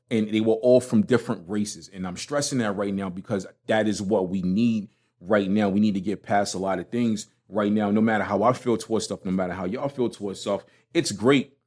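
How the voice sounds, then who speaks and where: A man's voice: on the low side, darkish tone. A man with a Brooklyn accent hosting a casual solo podcast in a slangy, emphatic, conversational way. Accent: Brooklyn, New York. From Brooklyn, New York. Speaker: podcast host.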